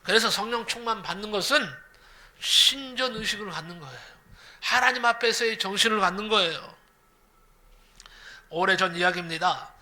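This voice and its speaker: A man's voice: high-pitched, normal speed, long pauses. A male pastor preaching a sermon, telling a story and asking the congregation questions. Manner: lively, repeats phrases, asks the congregation questions.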